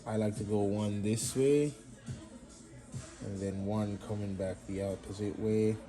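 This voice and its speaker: Jamaican guy doing a chill garage how-to, lowish mellow voice, lots of ums, faint music behind. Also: measured pace, low-quality recording. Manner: relaxed, chatty, many fillers and restarts. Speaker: mechanic demonstrating engine assembly. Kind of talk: casual how-to tutorial. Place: home garage workshop.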